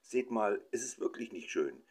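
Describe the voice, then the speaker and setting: A man's voice: on the low side, expressive, moderate pace, darkish tone, voice pushed up. A man voicing a mother who coaxes and instructs her children in a soothing tone. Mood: coaxing. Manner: soothing, coaxing. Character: coaxing, teacherly mother.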